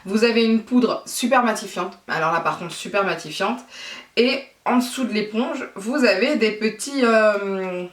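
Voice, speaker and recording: A woman's voice: medium pitch, unhurried, far from the mic. A woman beauty vlogger chatting enthusiastically about her purchases, rambling and correcting herself as she goes. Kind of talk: casual product haul chat. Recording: echoey room, voice away from the mic.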